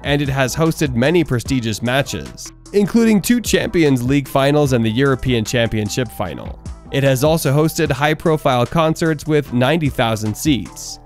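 A man's voice: medium pitch, a little mellow. A man reading a scripted top ten countdown, lifting his voice on each new number and reading the facts evenly. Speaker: narrator of a top ten list channel. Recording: voice-over with faint background music.

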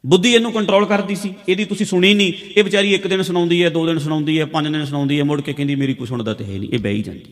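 A man's voice: high voice, rapid-fire, few pauses, big-room sound. A man with a Punjabi accent giving a religious discourse, explaining with everyday examples and repeating key phrases. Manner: conversational, repetitive teaching with everyday examples. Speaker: preacher. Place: large hall with a congregation.

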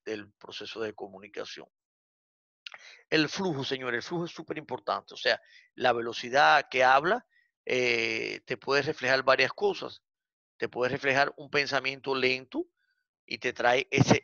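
Profesor con voz áspera y brillante, grabación apagada. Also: male voice, medium pitch, gravelly, bright, forceful tone, dry recording, muffled recording. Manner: explanatory, frequent "eh" fillers, addresses class as "señores". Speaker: psychiatry lecturer. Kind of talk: university lecture.

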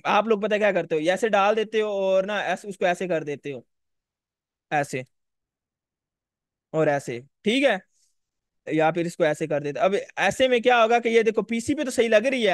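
A fairly high-pitched man walks viewers through a live screen-share tutorial. He talks casually and repeats himself, often checking whether they can see his screen. The voice sits dry and close to the mic. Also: no echo. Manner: casual, repetitive, addresses viewers directly. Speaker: online course instructor.

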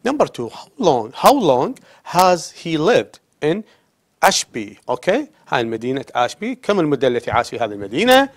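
A man's voice: on the high side, wildly swooping pitch, fairly quick. A man with an Iraqi Arabic accent teaching an English lesson on television, explaining in a mix of Arabic and English and often checking "okay?".

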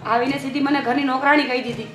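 A woman's voice: high voice, steady tone, fast talker, soft background music, natural voice. A young woman with a Gujarati accent playing a hurt, pleading widowed sister-in-law. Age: young adult. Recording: echoey room recording.

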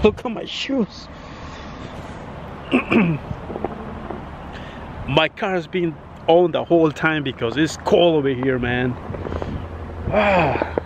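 A man's voice: fairly high pitch, animated, slow pace, long pauses. A man doing a casual daily vlog in and around his car, rambling and calling viewers guys and bro, and fumbling through repeated greetings. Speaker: vlogger. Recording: noisy with car and street sounds.

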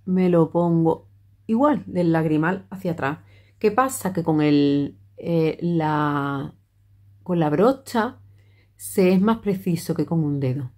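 A woman's voice: low-pitched, takes it slowly, darkish tone. A middle-aged woman, chatting her way through a makeup tutorial with many fillers and restarts. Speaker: makeup vlogger.

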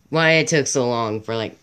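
A man's voice: medium pitch, a bit bright, clean tone. A man from Canada hosting a casual home-recorded video, reading a wiki aloud in a rambling, self-interrupting way while losing his voice. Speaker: channel host.

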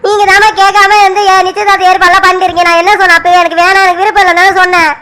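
A woman's voice: extremely high pitch, level tone, very fast, pushed and bright, slight background noise. A woman voicing a young adult daughter in a cartoon family serial, pleading and stubborn against her family. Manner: pleading, tearful. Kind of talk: animated family serial voice acting.

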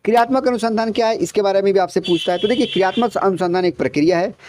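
A man's voice: high voice, very fast, a little mellow, slight background noise. A young man giving a casual exam-prep lesson, explaining step by step and correcting himself as he goes. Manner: explains step by step, often saying "ठीक है" and addressing viewers as friends; self-correcting, restarts words. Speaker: exam tutor.

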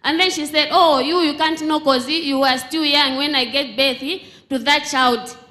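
A young woman from Zambia tells her story at a church service, earnest and direct. Her voice sits high and bright. It rings out through a large, echoing hall. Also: fairly even intonation, normal speed. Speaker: testifying congregant. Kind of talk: church testimony. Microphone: handheld mic.

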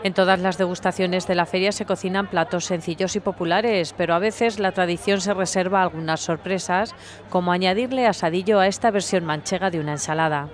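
A news reporter reading a scripted voice-over report in an even, measured delivery. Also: mid-range voice.

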